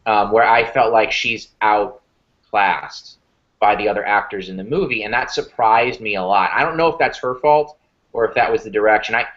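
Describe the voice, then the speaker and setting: A man co-hosting a podcast, giving a measured, hesitant opinion on a movie with many pauses and ums. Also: fairly low pitch, fairly bright tone, lo-fi sound. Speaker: podcast co-host. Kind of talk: casual movie review chat.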